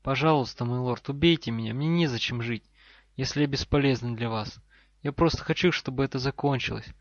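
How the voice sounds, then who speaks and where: A man's voice: medium pitch, fairly quick, no room sound, close to an everyday voice. A man voicing a broken, desperate woman prisoner, devoted to her lord, her voice trembling with sobs. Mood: pleading, tearful. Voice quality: trembling, sobbing. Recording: dry, slightly dull recording.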